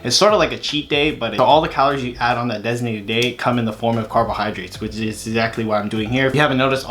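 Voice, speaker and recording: Out of breath while hiking, a young fitness vlogger narrates his vlog in a casual voice-over. His medium-pitched voice is a bit bright, and his delivery is laid-back and slangy.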